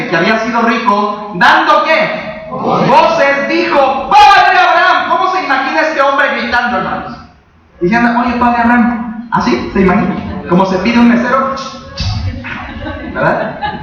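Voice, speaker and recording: A man's voice: sits high, pushed and bright. A man preaching a sermon as a pastor, emphatic and full of rhetorical questions to the congregation. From Mexico. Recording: echoey, distant, dull sound.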